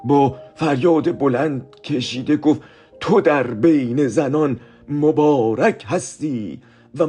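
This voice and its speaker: A man's voice: mid-range voice, gravelly, dark tone. A man telling a Bible story to children, explaining each verse again in simple words and often turning to the children with asides.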